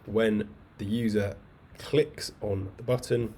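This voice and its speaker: A man with a lowish, mellow voice gives a live coding lesson over a video call from home. He explains step by step in a relaxed, chatty way, with a faint hiss of noise behind him. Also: takes it slowly. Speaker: coding bootcamp instructor. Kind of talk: live online coding lecture. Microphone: webcam video call mic.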